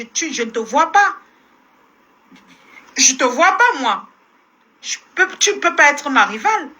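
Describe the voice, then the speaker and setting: A Cameroonian woman hosts a phone live stream and rants at her audience. Her voice is high and sharp, with a tense edge. She scolds and fights back, circling the same lines again and again. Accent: Cameroonian French. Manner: combative, scolding, repeats herself. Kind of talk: heated live-stream rant.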